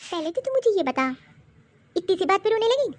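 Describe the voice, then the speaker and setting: A woman voicing a caring young mother who talks in a coaxing, reassuring way, for an animated story. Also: extremely high pitch, brisk. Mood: soothing, worried. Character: caring young mother, soothing her daughter.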